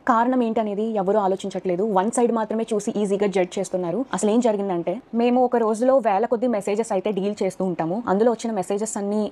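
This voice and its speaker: A woman's voice: mid-range voice, fairly even intonation, fast talker, hardly any pauses, warm tone. A young woman giving an earnest, defensive explanation to camera. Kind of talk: statement to camera.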